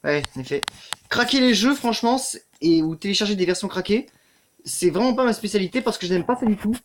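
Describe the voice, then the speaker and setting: A man commentating his own let's play with a lively, bouncing voice that jumps between low mutters and high yelps. He swears freely and talks straight to the on-screen threats, with a faint hiss of noise behind him. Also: fairly quick. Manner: swears a lot, mutters to the game, yelps when startled.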